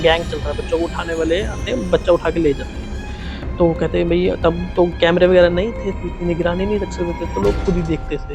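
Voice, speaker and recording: Man telling a spooky tale, a bit high. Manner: conversational, dramatic retelling with many repetitions. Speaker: vlogger. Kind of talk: casual spooky storytelling.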